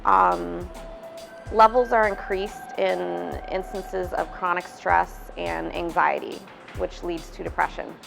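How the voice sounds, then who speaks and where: A woman with a low, gravelly voice speaks thoughtfully, pausing between phrases. She is a student researcher in an interview, with music clear behind her. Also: steady tone. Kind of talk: interview testimony.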